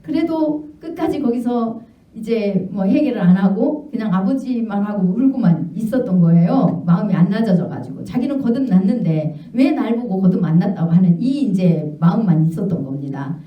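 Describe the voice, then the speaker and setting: A woman's voice: medium pitch, normal speed. A woman pastor preaching a sermon, telling a story and acting out the voices in it. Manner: animated storytelling preacher, acts out quoted dialogue. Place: church sanctuary. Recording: echoey hall, distant mic, dull sound.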